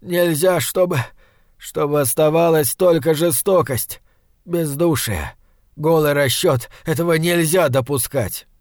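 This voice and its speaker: A man reading an audiobook gives voice to the hoarse, weary, defiant last man alive as he lies dying. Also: fairly high pitch, no echo, clean studio sound. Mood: pleading. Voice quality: hoarse, quiet and slow.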